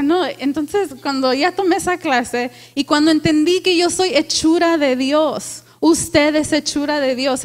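With a high-sitting voice, this woman pastor leads a spirited sermon before her church congregation, peppering it with questions to them and occasional English phrases.

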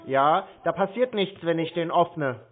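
Taking his time, a man with a slightly high, animated voice keeps a scam caller on the hook by feigning ignorance, stalling, and teasing. It's a prank phone call recorded through a tinny line, with him as the scam-baiting recipient.

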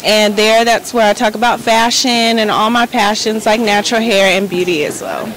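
A woman fashion blogger giving calm, unhurried answers at an expo, into an interviewer's handheld mic. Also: mid-range voice, a little hiss or hum, low-quality recording. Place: busy indoor expo hall.

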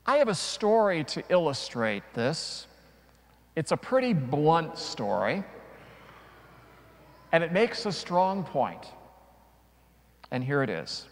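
Before a congregation in a large church, a middle-aged male priest gives a homily in a slightly high voice. He is very animated yet speaks very slowly and deliberately, pausing for dramatic effect, with long reverb around each word.

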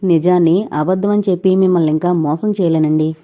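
A woman's voice: fairly low pitch, fairly even intonation, a little fast, lightly acted. A woman voicing a weepy young woman resigned to her fate, in an audio novel. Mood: tearful. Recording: dull lo-fi recording.

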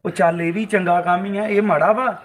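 A man's voice: high voice, steady tone, fairly quick, reverberant, slight background noise, close to an everyday voice. A man from Punjab playing a husband who earnestly lectures his wife about loving nature, in a home-made short film. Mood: defensive.

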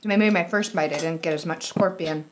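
A woman's voice: low-pitched, normal speed, noisy background. A woman in a casual food-tasting chat, talking with her mouth full while chewing, laid-back and chatty. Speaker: co-host.

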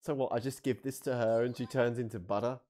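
A man's voice: mid-range voice, fairly even intonation, quick pace, dark tone, soft background music. A British man giving casual gameplay commentary in a sweary, incredulous, jokey manner. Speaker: game streamer. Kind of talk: casual gameplay commentary, reading game dialogue aloud.

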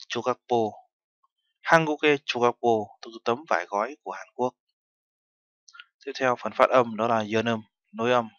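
A man's voice: fairly low pitch, fairly bright tone, no room sound, lo-fi sound. A man teaching a language lesson, explaining terms step by step and mixing in foreign words. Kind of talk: lesson narration.

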